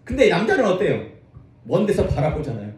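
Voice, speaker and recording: A man's voice: high-pitched, fairly quick, heavy reverb, far from the mic. A man preaching a sermon as pastor, calling on the congregation to answer back. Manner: lively preaching with call-and-response to the congregation.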